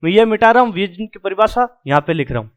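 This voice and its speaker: A man's voice: high voice, animated, fast talker, clear, resonant tone, lo-fi sound. A male grammar teacher lecturing a class at a whiteboard, who sounds out the letters aloud and keeps checking in his students. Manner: drills sounds aloud, repeats "ठीक है" often.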